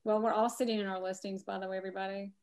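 A woman's voice: medium pitch, little pitch movement, a little mellow, clean tone. Southern woman, podcast co-host, chatty and loose. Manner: chatty, rambling, quick to laugh. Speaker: real estate podcast co-host. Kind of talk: casual live podcast chat.

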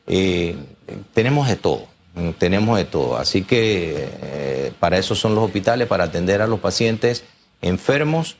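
A man's voice: low-pitched, expressive, moderate pace, a little hiss or hum. A man speaking as a doctor in an interview, explaining emphatically and repeating key phrases.

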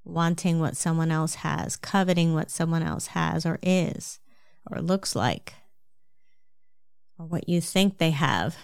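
A woman with a New Jersey accent giving a calm, measured self-help talk, explaining things step by step. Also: low-pitched, creaky, clean tone, no echo.

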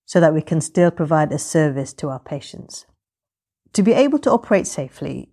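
Measured, low-pitched woman explaining. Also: mellow. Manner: measured, formal, orderly. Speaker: breast surgeon and vlogger. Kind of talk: explanatory vlog narration.

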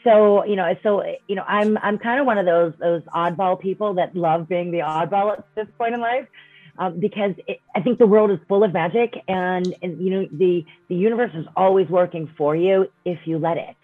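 A woman's voice: lowish voice, moderate pace, no room sound, faint music behind. A woman in her fifties, a coach and speaker, talking as an interview guest in a chatty, upbeat way, often tagging her sentences with "right?" and "you know". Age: 50s. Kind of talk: casual interview talk. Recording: dry, tinny phone-like line.

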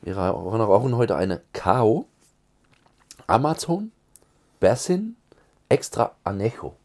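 A man's voice: lowish voice, big pitch swings, slow, darkish tone. A man co-hosting a casual cigar review chat, who has a cold, agreeable with short replies. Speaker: podcast co-host.

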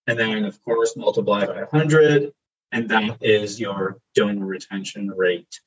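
A man cohosting as a fundraising trainer, explaining step by step in a measured way. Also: on the low side, fairly even intonation, dull audio, a little hiss or hum. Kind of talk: explanatory advice talk.

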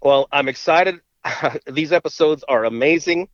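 Man over a muffled phone line, dry close sound, somewhat high voice, repeats words as he starts, casual podcast chat. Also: a little slow, no room sound. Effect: heard over a phone call. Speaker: podcast co-host.

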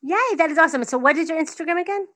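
A woman with a New York accent hosting a podcast interview, effusive and quick to laugh. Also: extremely high pitch, fairly bright tone. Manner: bubbly, effusive, laughs often. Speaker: podcast host. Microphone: video call.

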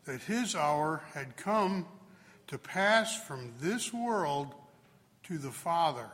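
A man gives a solemn Gospel proclamation in a large church, and his voice rings out in a long cathedral echo. His pitch sits a little high and rises and falls widely. He reads slowly and deliberately, as if from a pulpit. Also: a bit bright. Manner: slow, deliberate reading with wide swings in pitch. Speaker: priest or deacon reading the Gospel at Mass.

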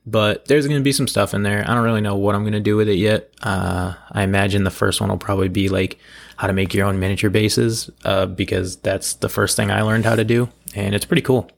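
A man with a hoarse, gravelly voice talks casually as a solo podcast host, rambling loosely in a self-deprecating way. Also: lowish voice, steady tone, a little fast. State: hoarse from allergies. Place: at home, in a room below a bathroom.

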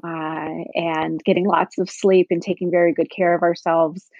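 A woman's voice: on the low side, flat delivery, moderate pace, darkish tone, no room sound, dull audio. A woman coach talking conversationally as a podcast guest from her home office. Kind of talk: conversational interview.

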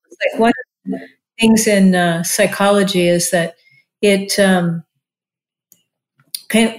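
Chatty older woman therapist, lowish voice. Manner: chatty, warm-hearted, many "like" fillers. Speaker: marriage and family therapist. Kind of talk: casual interview talk.

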